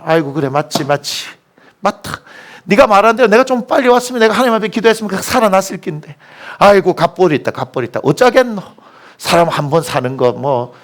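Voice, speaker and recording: A pastor doing a soft-spoken consoling Jesus. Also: male voice, fairly high pitch. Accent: Gyeongsang. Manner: soft, sighing, folksy comforting. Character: Jesus as a gentle consoling man.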